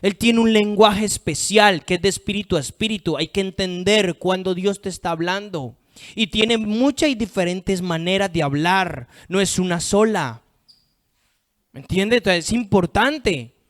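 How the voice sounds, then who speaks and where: High-voiced preacher with big swings. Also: male voice, moderate pace. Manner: emphatic, swings from loud to hushed; reads scripture aloud. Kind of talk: sermon.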